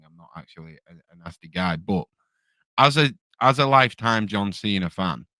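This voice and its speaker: A man's voice: sits low, fairly bright tone, no echo. A man chatting casually as an opinionated wrestling fan, enthusiastic and rambling. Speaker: wrestling podcast commentator.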